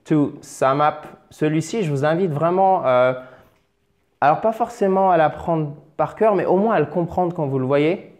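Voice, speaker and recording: A man's voice: fairly high pitch, normal speed, darkish tone. A man teaching English pronunciation in French, patiently repeating and drilling words, with chatty asides and self-corrections. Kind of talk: French-language English lesson at a board.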